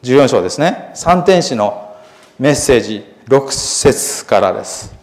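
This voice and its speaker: A man preaching a sermon in a church, earnest and emphatic, slowing down to read scripture aloud. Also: medium pitch, lively intonation, darkish tone. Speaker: seminary lecturer preaching.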